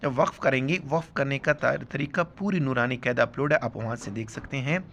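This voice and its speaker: A man teaching Quran recitation rules, explaining letter by letter and then reciting words slowly and drawn out. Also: medium pitch, fairly bright tone, muffled recording, slight background noise.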